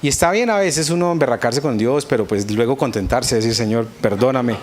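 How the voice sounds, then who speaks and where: A man's voice: mid-range voice, a little fast. A man with a Colombian accent preaching a sermon, telling a personal story and acting out his own past prayers with earnest feeling. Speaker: pastor.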